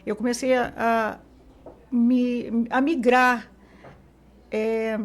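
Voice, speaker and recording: A woman from Mozambique, a business consultant, telling her career story as an interview guest in a relaxed way with fillers and self-corrections. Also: fairly high pitch, very slow. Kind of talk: interview conversation.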